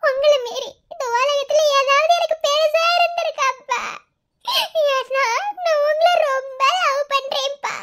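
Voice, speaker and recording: A woman voicing a devoted young village daughter in a cartoon, speaking with a Madurai Tamil accent in an emotional, pleading way. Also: a bit bright. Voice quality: very high, girlish. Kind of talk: cartoon voice acting.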